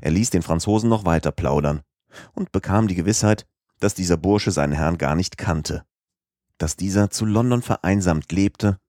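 Deep-voiced man reading a classic novel. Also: darkish tone, no echo, studio quality. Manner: measured literary reading. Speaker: audiobook reader. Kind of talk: scripted narration.

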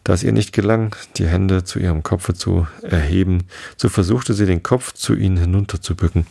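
A man narrating a classic fairy tale as an audiobook, steady and unhurried. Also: low voice, creaky, husky.

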